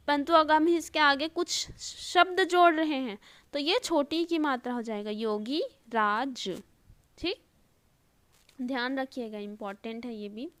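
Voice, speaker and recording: A woman's voice: sits high, fairly bright tone, no room sound. A woman teaching an online spelling lesson, explaining step by step and repeating each word with frequent checks like "okay?". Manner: explains step by step, often repeating words and asking "ठीक है".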